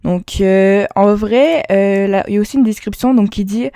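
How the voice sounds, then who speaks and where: Chatty woman with a mellow voice. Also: medium pitch, moderate pace. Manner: hesitant, many fillers and restarts. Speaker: YouTuber presenting paranormal photos. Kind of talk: casual commentary over screen recording.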